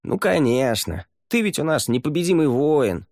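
A man's voice: fairly high pitch, sing-song, moderate pace, a little mellow, no room sound, studio quality, voice pushed up. A man voicing a grumpy, sarcastic sailor who snorts and grumbles. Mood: grumbling. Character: grumpy sardonic male sailor.

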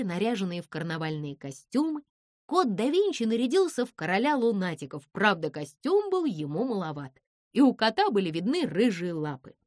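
A woman narrates a children's storybook in an expressive, animated way. Her voice has a middling pitch and moves lively up and down. The recording is close and dry. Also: no room sound.

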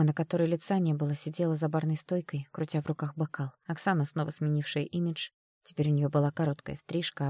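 A woman with a low voice reads a first-person novel aloud. Her delivery is even and measured. The recording is close and dry. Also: no room sound. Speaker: audiobook narrator. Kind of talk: first-person audiobook narration.

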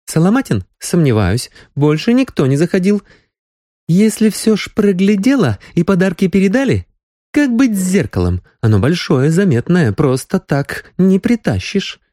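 A man's voice: high voice, big pitch swings, normal speed, dark tone, no echo, studio quality, pitched above the performer's own voice. Man doing an insistent young woman doctor. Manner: pleading, pressing. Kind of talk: audiobook character voicing.

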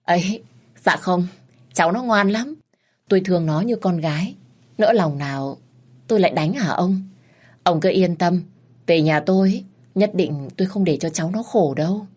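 A woman's voice: fairly low pitch, moderate pace, long pauses, darkish tone, lightly acted. A woman voicing a rich, two-faced mother-in-law who speaks in a sugary, ingratiating way. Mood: falsely sweet.

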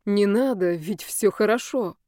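A woman's voice: medium pitch, unhurried, mellow, no echo, lightly acted. Guilty, tense young man, clipped and strained; a woman narrator reads him close to her own voice.

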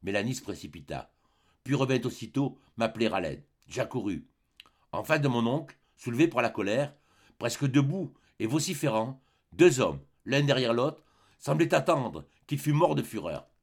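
A man narrating a classic novel as an audiobook in a measured, dramatic manner. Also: mid-range voice, animated. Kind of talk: scripted literary narration.

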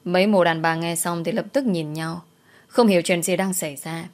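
Female narrator, lower voice, steady dramatic storytelling. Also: moderate pace.

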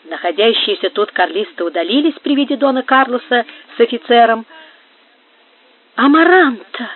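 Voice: mid-range voice, animated, brisk. An audiobook reader steadily narrating a novel. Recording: tinny phone-like sound.

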